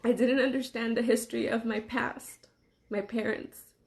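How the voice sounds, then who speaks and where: A young woman from Los Angeles, speaking earnestly in a personal monologue to camera, pausing between phrases. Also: on the high side, steady tone, darkish tone. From Los Angeles, USA. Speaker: vlogger.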